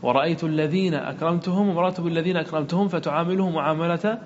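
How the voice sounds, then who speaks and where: A male sheikh giving a classroom grammar lesson with a slightly high voice. He explains patiently, repeating each form and slowing for quoted verses. The recording sounds dull and lo-fi, with a faint hiss underneath. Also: darkish tone. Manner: slows to recite verses and example sentences. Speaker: sheikh teaching Arabic grammar.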